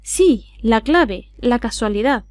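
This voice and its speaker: A woman's voice: a little high, expressive, takes it slowly, no echo, clean studio sound. A woman with an Andalusian accent voicing an earnest, anxious young nephew in an audiobook, hesitant yet insistent.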